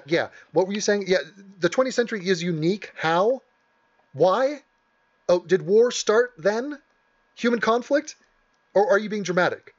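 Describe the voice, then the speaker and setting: Male host, sarcastic clip commentary, high and animated, mocking and crude. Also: lo-fi sound. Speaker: comedy video host. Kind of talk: sarcastic commentary over clips.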